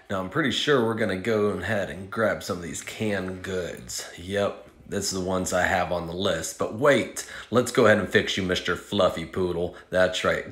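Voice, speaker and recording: A man's voice: low voice, fairly bright tone. A man in his thirties, a service dog handler, chatting casually to viewers and his dog while filming on a phone in a supermarket. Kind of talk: casual vlog narration. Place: car, then large supermarket indoors.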